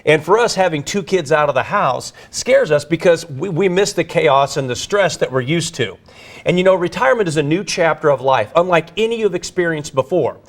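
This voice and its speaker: Earnest male retirement coach, higher voice. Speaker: financial show host and retirement coach. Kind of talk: conversational financial advice.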